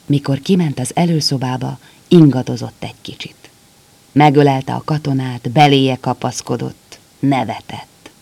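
A man reading a story aloud as narrator in a measured, calm way. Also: medium pitch, creaky, breathy edge, no room sound.

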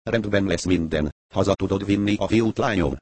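A man's voice: sits low, darkish tone, no room sound. A man doing a grave old elder. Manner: muttering, measured. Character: old male native elder, calm and grave.

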